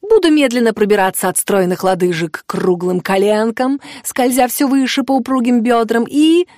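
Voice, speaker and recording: A woman's voice: fairly high pitch, moderate pace, darkish tone, no room sound, clean studio sound, voice pushed up, close to an everyday voice. A woman voicing a brash, arrogant young prince in an audiobook, teasing and giving orders. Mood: mocking. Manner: teasing, commanding.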